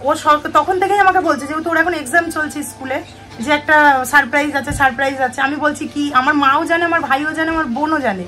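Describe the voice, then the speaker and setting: A woman in her thirties, a mother chatting casually to her viewers while vlogging on a phone, first out walking on a street and then at home. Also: high-pitched. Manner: chatty, addresses viewers directly. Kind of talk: casual vlog narration to viewers. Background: background music.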